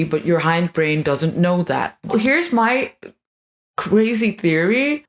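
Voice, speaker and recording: Irreverent, low-pitched woman vlogger. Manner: irreverent, sarcastic, crude asides. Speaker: video creator. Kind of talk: scripted monologue.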